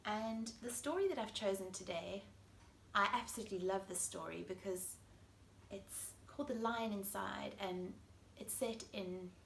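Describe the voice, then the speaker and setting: Addressing children directly, a woman with a South African accent expressively reads them a picture book in a living room. Her mid-range voice is gravelly and fairly bright, delivered at a measured pace. The sound is echoey, and background noise is present.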